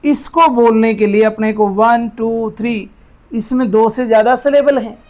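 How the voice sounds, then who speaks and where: A man teaching an English grammar lesson, patiently dictating words slowly and checking that his students follow. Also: very high-pitched, darkish tone. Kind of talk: Hindi-medium grammar lesson.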